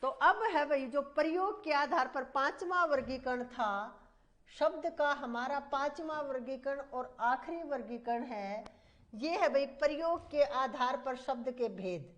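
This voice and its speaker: Lady teacher with a high voice going through a grammar lesson, explains slowly and keeps repeating stuff. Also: muffled recording. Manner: explanatory, repetitive, addresses students as "bhai". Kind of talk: exam-prep grammar lesson.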